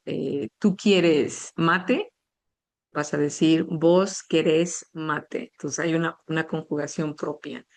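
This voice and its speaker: A woman teacher calmly walking through a conversation lesson, reading example phrases slowly and explaining them. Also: sits low. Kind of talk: explaining class materials.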